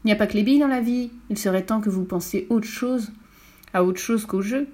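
A woman's voice: mid-range voice, a little fast, a little mellow, lightly acted. A woman voicing a bold, cheerful little red-haired girl who is super strong, in an audiobook. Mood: cheeky. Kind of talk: audiobook character voice.

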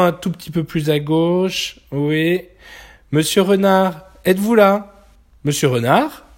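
A cunning little piglet from a storybook, courteous and wheedling, his voice lifting high and bouncing around as he sweet-talks. A man puts him on while reading aloud. He speaks slowly and takes his time. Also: darkish tone. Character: clever polite young male piglet.

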